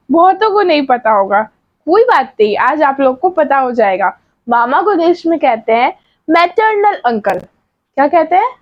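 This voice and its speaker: A woman teaching English words, asking what each word is called and then repeating the answer slowly. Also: high-pitched, dull audio. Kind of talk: vocabulary lesson.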